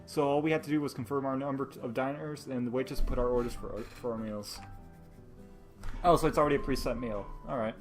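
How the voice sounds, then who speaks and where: A man's voice: medium pitch, fairly even intonation, fast, faint music behind. A man playing through a visual novel, reading narration aloud and adding joking commentary, often laughing and tripping over words. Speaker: let's play host.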